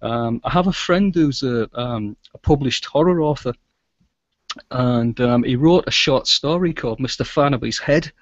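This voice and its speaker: Speaking at normal speed in a mid-range voice, this middle-aged guest talks conversationally in a casual interview, calling in by video from a small shelved room. He produces audio dramas and works as a sound engineer, and the online-call audio is dry with no echo, though slightly muffled.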